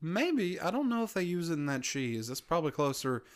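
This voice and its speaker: A man's voice: fairly high pitch, sing-song, a little fast. A young man co-hosting a podcast, chatting casually and joking around with frequent laughs. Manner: jokey, rambling, laughs often. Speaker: podcast co-host. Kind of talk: casual chat.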